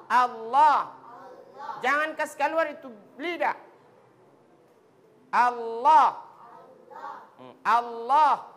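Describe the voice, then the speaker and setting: A woman's voice: high voice, fairly bright tone. A woman teaching recitation, drawing out syllables and correcting her pupils in a call-and-response drill. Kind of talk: classroom pronunciation drill. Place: broadcast studio classroom.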